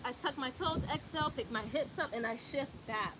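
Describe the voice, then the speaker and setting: The recording is very noisy, and her high-pitched voice runs fairly quick. A young woman from Atlanta with an Atlanta accent, she's on an exercise mat outside in bright sun, filmed on a phone, giving casual workout tips on handstands in a chatty, laid-back manner, often laughing and using "y'all."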